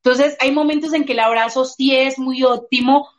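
A woman's voice: sits high, normal speed. A woman coach talking casually in an interview, telling stories and acting out what people say. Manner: expressive storyteller, acts out quoted voices. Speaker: emotional coach.

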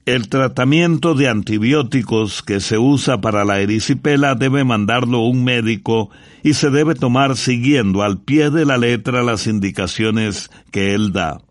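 A man's voice: mid-range voice, no room sound, clean studio sound. A man co-hosting a radio program, giving plain, instructive scripted narration.

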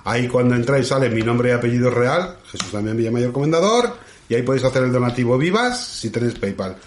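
A man's voice: mid-range voice, lively intonation, fast. A man from hosting a podcast, chatting in a campy, playful way. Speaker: podcast host. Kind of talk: casual chat. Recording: roomy echo.

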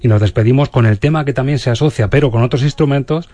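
A man's voice: mid-range voice, fast, dark tone. A man hosting a radio show in a polished presenting style. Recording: music bed behind the voice.

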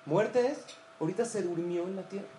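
A man's voice: high voice, a little fast, dark tone, slight background noise. A man giving a sermon, telling a parable and asking his listeners questions. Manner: storytelling, asks and answers questions. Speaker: rabbi giving a talk. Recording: echoey room with faint ambience.

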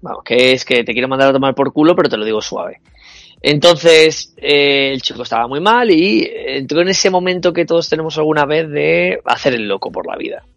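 A young man spins a comic party anecdote, animated and freely swearing as he acts out other people's voices. His voice sits a little high for a man. It is recorded dry and close, with light music behind him. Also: a little fast, no echo, lo-fi sound. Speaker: storyteller on a New Year's Eve show. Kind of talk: comic anecdote told to friends.

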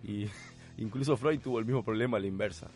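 A man's voice: on the low side, quick pace, a little mellow, soft background music. A man with a Rioplatense Spanish accent, hosting a casual comedic chat as a playful, rambling storyteller. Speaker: podcast host.

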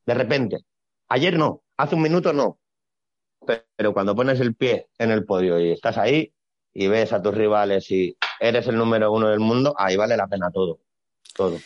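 A man, a retired gymnast explaining his career in a relaxed, blunt, colloquial way during a casual interview. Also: on the low side, moderate pace, no room sound. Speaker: retired Olympic gymnast, guest. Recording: dry, slightly dull sound.

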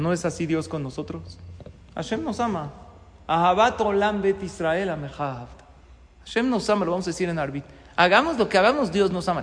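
A man's voice: sits high, a bit bright. A middle-aged man, a rabbi, gives a sermon in a synagogue, telling a story with lots of rhetorical questions. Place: synagogue study hall. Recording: long reverb in a hall.

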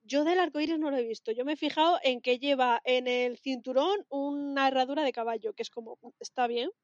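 A woman's voice: high-pitched, brisk, no room sound, muffled recording. A woman in casual chat who adds background facts and reacts to the story.

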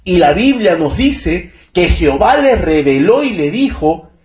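A man's voice: high-pitched, big pitch swings, measured pace, darkish tone. A man in his thirties preaching a sermon, emphatic and constantly calling his listeners brother and checking that they follow him. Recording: echoey room.

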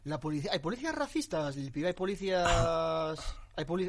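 A man's voice: fairly high pitch, fairly quick, a crowd in the background. Chatty young interviewer man. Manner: chatty, excitable, filler-heavy questions. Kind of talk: casual interview talk.

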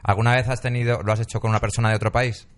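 A man's voice: on the low side, little pitch movement, rapid-fire. A man hosting a casual interview, politely interrupting to ask curious questions. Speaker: host.

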